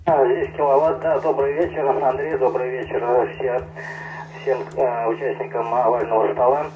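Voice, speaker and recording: A man's voice: medium pitch, fairly even intonation, normal speed. A man giving a short, hesitant check-in on a two-way radio net, heard through the radio transmission. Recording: tinny radio line with clear hiss and clicks.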